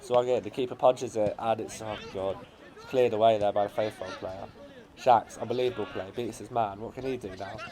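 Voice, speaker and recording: A man with an English accent commentating on his own amateur football team's match highlights, his voice cracking as the excitement builds. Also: fairly quick, crowd noise. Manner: builds to shouting excitement at late chances.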